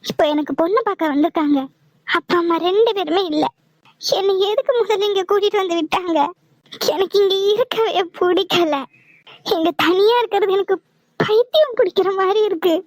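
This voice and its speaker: A defiant young cartoon bride-to-be played by a woman, pleading and stubborn in a high voice. The sound is close and dry. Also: normal speed, darkish tone, no echo. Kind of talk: cartoon voice acting.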